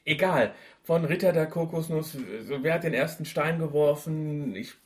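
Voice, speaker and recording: A man co-hosts a laid-back podcast conversation reviewing a radio play. His voice is slightly high and a little mellow, moving at a moderate pace, and he's chatty but hesitant, full of fillers and restarts.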